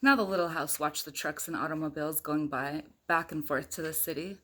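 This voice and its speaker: A low-pitched woman speaks fairly quickly in a pushed, bright voice, and there's a little hiss or hum in the audio. She's a mom doing an informal picture-book reading for young kids and viewers, with chatty asides and questions.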